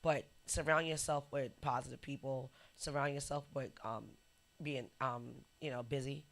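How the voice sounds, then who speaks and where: A woman hosting a podcast, chatting casually and telling lively stories that she acts out, sometimes dropping to a whisper. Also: rumbling low, normal speed, vocal fry. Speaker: podcast host. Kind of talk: casual chat and storytelling.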